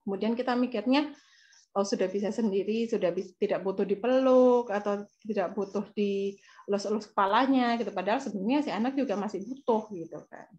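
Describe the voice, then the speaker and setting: A woman with an Indonesian accent and a mid-range voice presents a parenting webinar over slides, speaking fairly quickly on dull audio. She is hesitant, full of fillers and self-corrections, and acts out soft, calming lines to a child.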